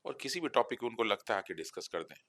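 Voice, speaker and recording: A man's voice: mid-range voice, lively intonation, quick pace, a bit bright. A man, a teacher at a protest, answering interview questions with passion, close to tears and his voice rising when moved. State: near tears.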